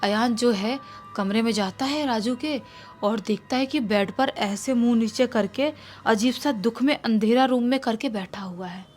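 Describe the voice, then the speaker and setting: A woman's voice: on the high side, measured pace, darkish tone, faint music behind. A woman telling a horror story in a casual, conversational way, with restarts and repetitions.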